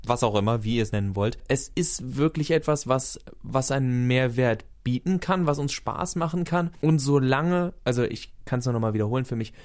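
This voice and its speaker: Guy cohosting a games podcast, chatty and opinionated, jokey, normal pitch. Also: moderate pace, hardly any pauses, darkish tone. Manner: opinionated, playful, with mock-voiced quotes. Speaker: podcast co-host. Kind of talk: casual discussion.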